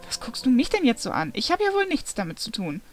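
A woman reading aloud voices a secretive, condescending male angel who mocks and doubts in a raised, lively voice. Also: on the high side, quick pace, faint music behind. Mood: incredulous. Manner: mocking, incredulous.

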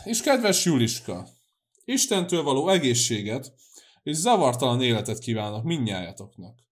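A man's voice: medium pitch, sing-song, close to an everyday voice. A man voicing a stubborn old priest with a dull, muffled way of speaking in an audiobook. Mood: reading aloud. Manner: gruff, testy.

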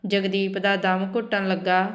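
A woman storyteller reads a scripted family tale in a measured way. Her pitch sits in the middle and barely moves, giving a level, even delivery. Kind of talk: scripted narration.

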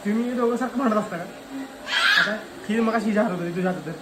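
A man's voice: sits high, racing, heavy background noise. A man vlogging casually at a family home, playfully coaxing the children to talk. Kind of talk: casual home vlog chat.

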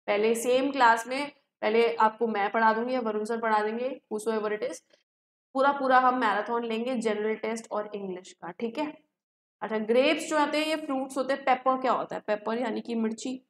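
A woman's voice: a little high, moderate pace, roomy sound. A woman with an Indian accent teaching a live online English class, chatty and encouraging, calling students beta. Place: home.

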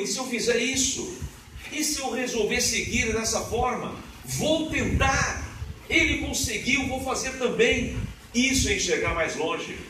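A man in his fifties with a booming, resonant voice, giving an animated live motivational lecture with chatty asides. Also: background noise. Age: 50s. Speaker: motivational speaker. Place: lecture hall of a spiritist association. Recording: echoey hall from far off, music behind.

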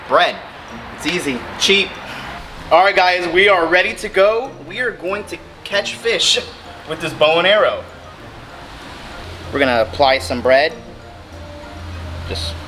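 A man in his thirties hosting a fishing vlog outdoors under a bridge by the water, chatting and joking with bursts of excitement. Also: high voice, slight background noise, low-quality recording. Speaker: fishing channel host. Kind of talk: casual outdoor vlog chat. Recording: background music under the talk. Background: music.

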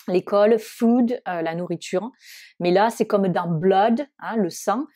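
A woman teaching English vocabulary in French, with many hesitant fillers, slowing down to model each English word. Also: medium pitch, mellow. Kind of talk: vocabulary lesson.

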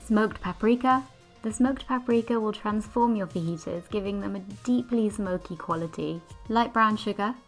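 A young woman hosting a cooking channel, talking through a recipe in an upbeat, chatty, slangy way over soft background music. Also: mid-range voice, normal speed. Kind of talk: casual recipe talk to camera, then voice-over narration.

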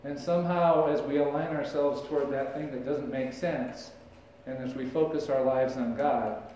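A middle-aged pastor gives a conversational sermon, gesturing while he speaks, with a warm, medium-pitched voice. The far-off camera, no mic visible, picks up echoey church sound from a large indoor sanctuary plus a slight hiss or hum.

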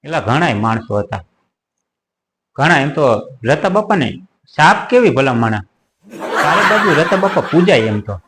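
A man's voice: a little high, sing-song, a little slow, pauses often, heavy background noise. A man telling a rustic village comedy story, chatty and laughing often. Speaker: comic storyteller.

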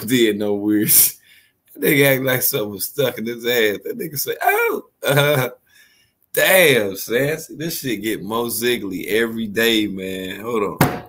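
A low-pitched man hosts a reaction commentary with a mocking edge. He rants in slang and breaks into loud laughter. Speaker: host.

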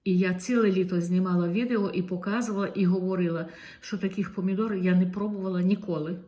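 A woman's voice: on the low side, steady tone, fast, dark tone, muffled recording. A middle-aged woman from Ukraine, a vlogger chatting casually to her viewers in a homely, talkative way, stretching out her words. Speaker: vlogger showing tomato seeds. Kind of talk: casual chat to camera.

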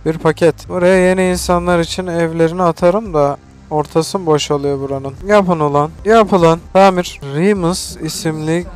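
A young man with a Turkish accent gives chatty live commentary over a space game, exclaiming and swearing casually as he plays. His voice sits a little high and comes through smooth and clear. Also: fairly even intonation, normal speed, soft background music. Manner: chatty, talks to his viewers and the game's people, swears and exclaims. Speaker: gaming YouTuber.

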